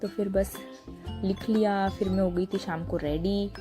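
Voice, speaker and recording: A young woman from India narrating a relaxed voice-over of her day at home, chatty and often pausing to search for a word. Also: mid-range voice, music in the background. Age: young adult. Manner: chatty, searching for words, frequent laughs. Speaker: vlogger. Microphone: small handheld mic.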